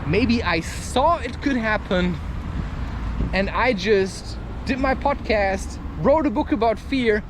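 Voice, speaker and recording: A man whose voice sits high talks at a slow pace amid a noisy background. As a vlogger and podcaster, he muses through a rambling, candid monologue about himself, regularly checking in with tag questions to seek agreement.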